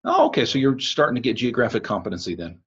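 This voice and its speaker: A man's voice: medium pitch, animated, fast talker, a crowd in the background. An American man hosting a podcast in casual talk, with a tinny sound as if in a tin can, picked up by a laptop microphone. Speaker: podcast host. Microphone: laptop built-in microphone.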